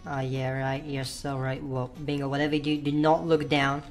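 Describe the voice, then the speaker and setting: A woman voicing Bluey, an excitable young girl puppy, narrating a game with shrieks and silly boasting. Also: rumbling low, normal speed. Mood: excitable scared. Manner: jumpy, shrieks when scared, silly boasting. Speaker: gamer narrating play. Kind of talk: voiced Roblox let's-play. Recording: game music underneath.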